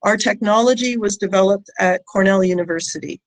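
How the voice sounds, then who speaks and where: A woman presents a short scientific pitch in an online talk. Her voice sits at an ordinary middle pitch for a woman, and her delivery is hesitant, with frequent ums and small pauses between phrases. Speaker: company founder and scientist presenting. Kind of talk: prepared short conference presentation. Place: online presentation with audience in chat.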